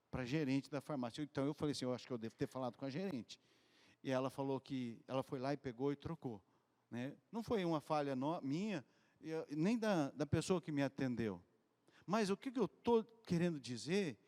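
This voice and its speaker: Man preaching, chatty storytelling sermon, from Brazil, high voice, big reverberant hall. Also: brisk. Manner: conversational, animated storytelling preaching. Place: church hall.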